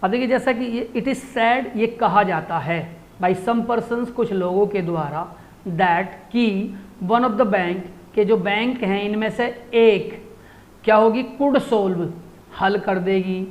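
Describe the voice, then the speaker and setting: A male teacher giving an exam-prep grammar lesson, translating phrase by phrase and quizzing listeners with quick rhetorical questions. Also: sits high.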